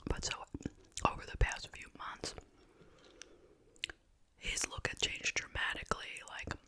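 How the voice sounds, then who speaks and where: Gossipy stories come in a soft, breathy whisper from an ASMR host, who chats casually and lets pauses fall between thoughts.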